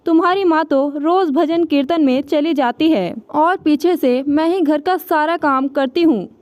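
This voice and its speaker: A woman's voice: high voice, a little slow, no room sound. A woman voicing a rude, scheming young wife. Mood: sweet. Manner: sharp and scolding to her mother-in-law, sweet to her husband.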